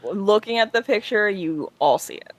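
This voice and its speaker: A woman's voice: medium pitch, lively intonation, normal speed, crowd noise. A woman running a tabletop game as game master, narrating in a casual, improvised way.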